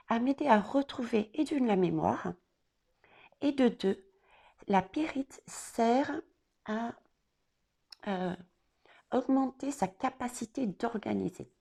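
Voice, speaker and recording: A woman giving an oracle card reading, talking straight to the viewer and pausing often on fillers. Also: fairly high pitch, vocal fry, a little mellow. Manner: hesitant, many fillers and restarts, addresses viewers directly. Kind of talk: casual spoken card reading.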